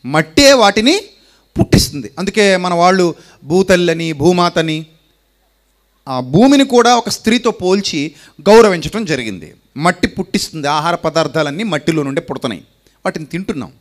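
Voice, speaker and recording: A man's voice: high-pitched, lively intonation, moderate pace. A man preaching a sermon, who asks rhetorical questions and repeats his lines for emphasis.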